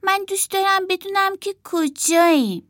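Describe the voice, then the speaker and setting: A woman's voice: extremely high pitch, fairly bright tone, dry recording, studio quality, pitched above the performer's own voice. A woman voicing a wide-eyed little girl doll who sounds full of wonder. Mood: excited.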